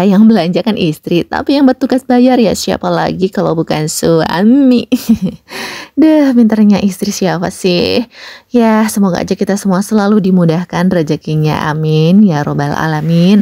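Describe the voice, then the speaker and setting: A young woman vlogging about her day, chatty and playful as she talks to other mothers. Her voice is mellow and relaxed, and it sits close and dry with no room around it. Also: medium pitch, normal speed, no echo. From Indonesia. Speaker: vlogger and homemaker. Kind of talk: casual vlog voice-over.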